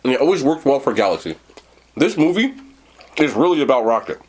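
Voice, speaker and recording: Male food and movie reviewer. Off-the-cuff, rambling, blunt and slangy, with a highly varied pitch. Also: sing-song, fairly quick, darkish tone, poor audio. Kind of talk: casual unscripted review chat.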